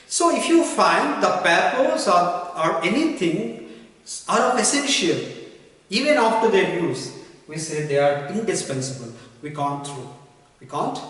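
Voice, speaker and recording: A man teaching an English vocabulary lesson, repeating each word several times and spelling it out slowly. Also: fairly high pitch. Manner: repetitive, drills words slowly. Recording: very echoey hall, mic far off.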